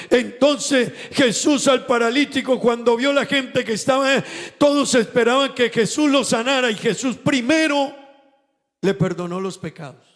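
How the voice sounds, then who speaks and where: A man preaches with a very high voice that lingers in the long reverb of a church hall. He retells scripture scenes and slows down to weigh each quoted word. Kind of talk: sermon.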